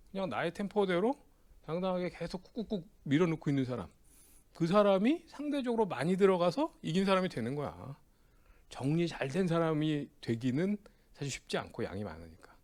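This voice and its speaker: Chatty Korean lecturer with lively pitch. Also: male voice. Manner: chatty, keeps asking the class "응?", acts out friends' banter. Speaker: exam prep lecturer. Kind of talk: casual lecture with personal anecdote.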